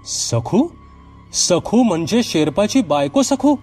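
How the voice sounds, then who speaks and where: A stern older village man in a spoken horror tale, pressing hard with repeated questions, as a narrator puts him on. The voice is pitched above the narrator's own, with soft music underneath. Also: big pitch swings, slow pace, full character voice. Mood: insistent. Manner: firm, insistent questioning.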